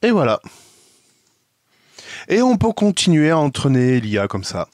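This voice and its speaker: A man's voice: fairly high pitch, big pitch swings, a little slow, darkish tone, dry recording, clean studio sound. A man with a France French accent, a video blogger chatting casually and explaining a website step by step as he thinks aloud. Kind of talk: casual screen demo. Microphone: headset.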